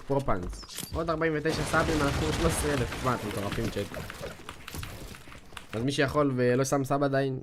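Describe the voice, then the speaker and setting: An eighteen-year-old man from Israel, streaming a game and chatting casually with his viewers in an excited, slangy way. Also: mid-range voice. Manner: slangy, excitable, keeps calling out to chat and players. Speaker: gaming streamer. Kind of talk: casual livestream chat while playing. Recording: noisy stream audio with clicks.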